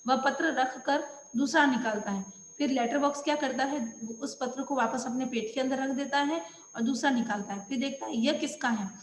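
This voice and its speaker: A woman's voice: high voice, normal speed, reverberant, in a large hall, a little hiss or hum. A woman teacher explaining a play to schoolchildren, stopping to define words one by one. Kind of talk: explaining a school lesson to children.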